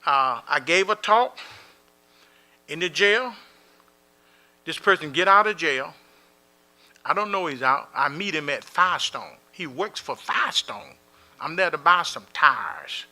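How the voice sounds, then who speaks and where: A man speaking as an imam and chaplain, with a high voice. His tone is bright and sharp. He talks in a relaxed, everyday way and tells folksy stories, acting out the people he quotes. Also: measured pace, long pauses. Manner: casual vernacular speech. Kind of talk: motivational talk with stories.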